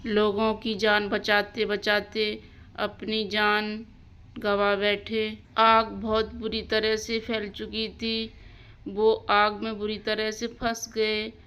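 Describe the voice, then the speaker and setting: A woman's voice: mid-range voice, completely flat delivery, slow pace, a bit bright, smooth. A woman voicing a caring village mother in a doll story, soothing and given to worried exclamations. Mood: sad. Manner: soothing, fussing, exclaims often.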